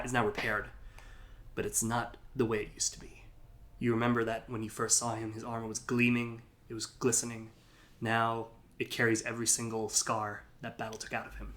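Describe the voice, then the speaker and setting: A man narrating a tabletop game in the second person as game master, halting often to restart and correct himself. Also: mid-range voice, fairly bright tone.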